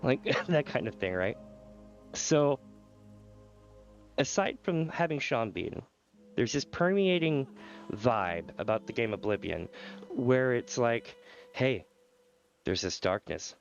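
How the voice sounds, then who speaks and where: A man hosting a gaming livestream in a casual, animated, rambling storytelling manner with dramatic asides. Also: medium pitch, slow pace, long pauses. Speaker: livestream host. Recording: slightly dull livestream audio with music behind. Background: background music.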